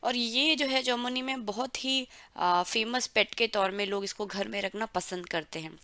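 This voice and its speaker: A woman teaching German vocabulary to learners, repeating words slowly syllable by syllable for pronunciation drills. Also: fairly high pitch, bright, forceful tone, dry recording. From India. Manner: drawn-out, careful word-by-word pronunciation drills. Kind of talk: explaining vocabulary to learners, mixing Hindi and English.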